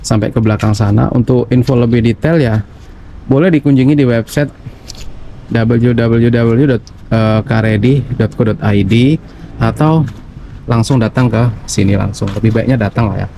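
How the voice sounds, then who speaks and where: Faint outdoor noise accompanies this Javanese-accented Indonesian man as he walks around used vehicles in an auction yard for his channel. Chatty and calling his audience Mas Bro, he talks at a moderate pace in a mid-range, creaky, mellow voice.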